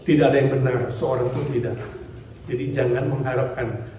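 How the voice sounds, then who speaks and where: A male pastor preaching a sermon in a lively way, asking the congregation questions and mixing in English phrases. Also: mid-range voice, moderate pace. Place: church hall. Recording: distant mic in a very echoey church hall, faint noise.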